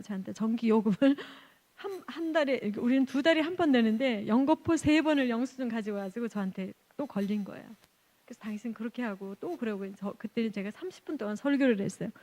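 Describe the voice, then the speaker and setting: A woman missionary giving an animated testimony at a church service, laughing often and acting out the people in her stories. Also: on the high side. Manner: animated, laughs often, acts out quoted exchanges. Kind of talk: lively storytelling testimony.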